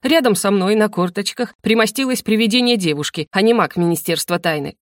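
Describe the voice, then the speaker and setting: A woman narrating a first-person fantasy audiobook in a lively, wry manner. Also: medium pitch, brisk, no echo, studio quality.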